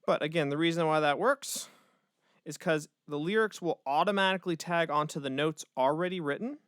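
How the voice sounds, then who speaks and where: Relaxed man explaining software steps. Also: a little high, a little fast, smooth, dry recording, clean studio sound. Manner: casual step-by-step explaining with fillers. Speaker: music educator. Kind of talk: screen-recorded software tutorial.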